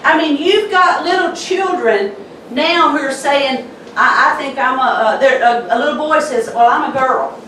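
Southern woman pastor, slow emphatic preaching, bright high voice, roomy church sound off-mic. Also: slight background noise. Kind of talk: sermon. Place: church sanctuary. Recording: echoey church hall, mic from a distance.

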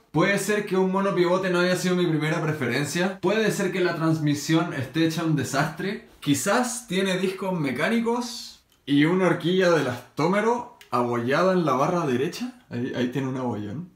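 A Chilean man in his thirties talks casually about a mountain bike, his voice sitting high for a man. The sound is roomy and echoey, picked up on a small camera. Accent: Chilean Spanish. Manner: excited exclamations while riding, relaxed explaining at home. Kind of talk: casual vlog, riding commentary then bike review. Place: trail ride outdoors, then indoor room with bike stand.

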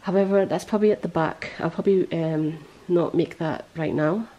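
A woman hosting a podcast in casual chat, rambling and correcting herself as she goes, her voice a little hoarse. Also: fairly low pitch, moderate pace, muffled recording. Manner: chatty, rambling, self-correcting. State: voice going hoarse. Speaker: podcast host.

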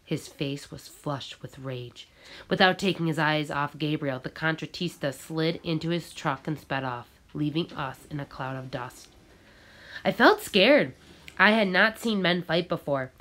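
A woman reading a novel aloud in a measured, expressive way. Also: low-pitched. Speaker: audiobook reader.

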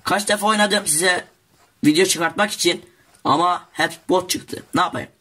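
A teenage boy casually commenting on his own gameplay, excitable and jokey, talking straight to his viewers. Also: high-pitched, moderate pace. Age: teens. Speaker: gaming YouTuber.

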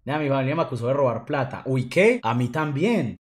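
A young man with a Colombian accent, telling a story on a livestream in a profane, slang-filled, animated way. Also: medium pitch, brisk, faint music behind. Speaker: streamer. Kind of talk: casual storytelling on stream.

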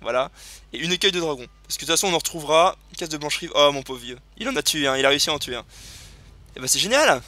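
A man hosting a casual let's play, excitable and chatty as he thinks aloud. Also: a little high, racing, no room sound. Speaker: gaming video host. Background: video game sounds.

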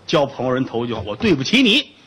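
A man's voice: medium pitch, sing-song, fast talker, a bit bright, husky, voice pushed down, full character voice. A man voicing a troubled, earnest middle-aged male outlaw in a spoken storytelling piece.

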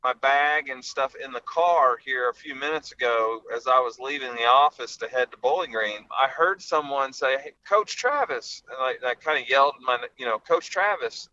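A man's voice: medium pitch, sharp tone, a little hiss or hum. A middle-aged man, a podcast host calling in from the road and telling stories in a folksy, rambling way. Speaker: podcast host and law firm managing partner. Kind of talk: casual podcast chat. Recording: muffled call-in line.

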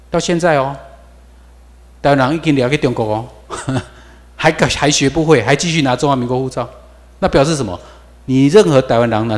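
Man, Taiwanese Mandarin accent, classroom lecture, emphatic, rhetorical questions, long hall reverb. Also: mid-range voice. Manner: emphatic, fires rhetorical questions, drills students on vocabulary.

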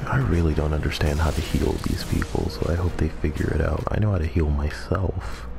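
A man commentating on a video game in a hushed golf-commentator style, deadpan, joking and profane, with a gravelly voice. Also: fairly quick. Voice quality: very deep, gravelly. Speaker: gamer commentating over play. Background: game music.

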